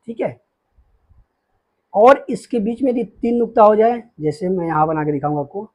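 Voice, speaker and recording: Patient, husky male teacher voice. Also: high-pitched, a little mellow, low-quality recording. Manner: patient, repeats and checks with "okay"; slows down to spell out letters. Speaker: Urdu teacher. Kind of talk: alphabet lesson for beginners.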